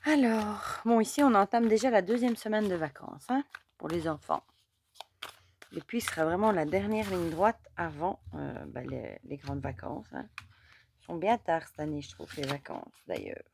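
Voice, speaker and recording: Hoarse lady, lowish voice, rambly chatty card reading with lots of fillers. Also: expressive, moderate pace, a little mellow, slight background noise. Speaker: oracle card reader, channel host; mother. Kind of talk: casual chat during a card reading.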